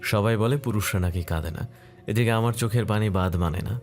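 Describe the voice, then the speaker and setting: A man's voice: on the low side, a little fast, darkish tone, faint music behind, lightly acted. A man voicing a young doctor husband in a romantic audio story, speaking tenderly. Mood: brooding. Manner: tender, then anguished and tearful.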